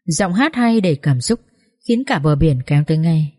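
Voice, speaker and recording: A woman narrating a social drama audiobook in a steady, emotive storytelling manner. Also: low-pitched, moderate pace.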